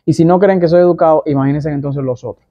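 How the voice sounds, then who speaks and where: A man's voice: fairly high pitch, fast, no echo, highs cut off. A young man with a Cuban Spanish accent, talking casually to camera as a vlogger and explaining things with many asides and examples. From Cuba.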